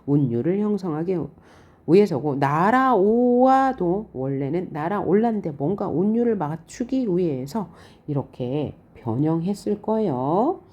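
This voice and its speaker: A woman lecturing on poetry in a lively, questioning way, often reading lines aloud with expression. Her voice is husky and mellow and sits fairly low, with animated swings in pitch. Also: normal speed. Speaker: Korean literature teacher.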